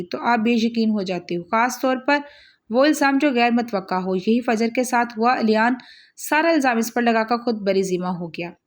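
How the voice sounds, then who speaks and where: Woman reading a romance novel aloud. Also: a little high. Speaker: storyteller.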